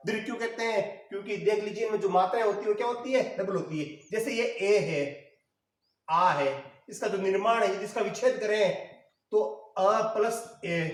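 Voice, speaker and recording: Male teacher, repetitive drilling lecture style; roomy, distant recording. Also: sits high. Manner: repetitive, rhetorical questions answered himself. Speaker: Hindi teacher. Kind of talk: classroom lecture. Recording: echoey room, mic far off.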